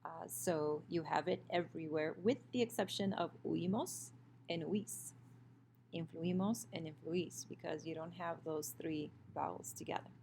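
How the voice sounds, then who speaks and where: A woman's voice: sits low, normal speed, vocal fry, darkish tone, slight background noise. A woman teaching a recorded Spanish grammar lesson over a screen share, explaining patiently with fillers and self-corrections. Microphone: computer mic for a screen recording.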